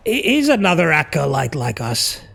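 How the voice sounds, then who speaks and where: Playful man with a gravelly voice. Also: fairly high pitch, wildly swooping pitch, normal speed, over music. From Finland. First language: Finnish. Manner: joking, playful, teasing. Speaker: streamer. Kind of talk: casual live game chat.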